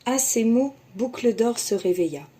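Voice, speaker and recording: A kindergarten teacher, a woman, reading a children's story aloud slowly and expressively. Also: on the high side, lively intonation, dark tone, breathy edge.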